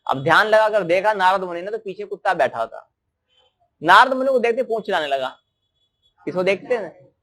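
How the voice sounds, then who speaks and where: High-voiced male storyteller preacher. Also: moderate pace, pauses often. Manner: animated, asks the listeners questions. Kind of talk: devotional sermon storytelling.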